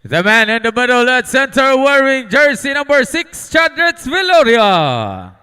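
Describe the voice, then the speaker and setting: A man doing hyped arena announcing, stretching out and shouting names like a showman in a fighting game. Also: very high-pitched, very animated, measured pace, clear, resonant tone. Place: large indoor basketball arena over PA.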